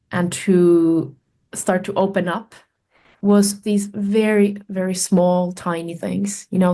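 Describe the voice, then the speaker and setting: This guest researcher and author, whose first language is Finnish, has a low, somewhat dark-toned female voice. Her reflective storytelling is thoughtful and halting, with frequent pauses and fillers as she hunts for the right words.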